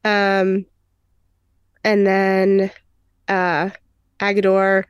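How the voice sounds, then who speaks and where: A woman's voice: mid-range voice, monotone, drawn-out words, clear, resonant tone, no echo, lo-fi sound. A woman hosting a podcast, retelling a film in casual chat with lots of fillers. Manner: chatty, many fillers, acts out quotes. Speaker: podcast host.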